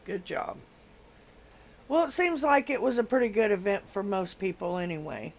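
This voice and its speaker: A woman's voice: mid-range voice, animated, normal speed, gravelly, lo-fi sound. A woman hosting a casual game livestream, chatty, laughing often and tripping over names. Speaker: livestream host.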